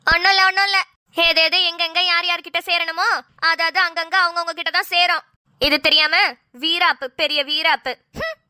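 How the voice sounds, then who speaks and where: Sarcastic cartoon mom, played by a woman, very high sharp voice, teases and argues, dry close mic. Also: flat delivery, moderate pace, no echo, heavily acted. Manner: sarcastic, teasing. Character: sharp-tongued mother, teasing and sarcastic. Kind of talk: Tamil cartoon voice acting.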